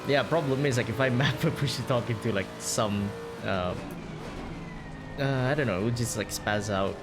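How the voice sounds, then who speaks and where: A man's voice: mid-range voice, normal speed, music in the background. A man bantering casually with fellow sim racing drivers in a group voice chat, joking and laughing easily.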